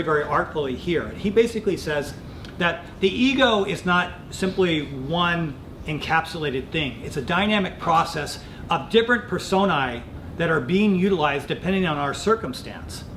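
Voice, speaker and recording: A middle-aged man lecturing as a professor, explaining ideas thoughtfully in informal academic phrasing. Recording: echoey room with clear rumbling noise.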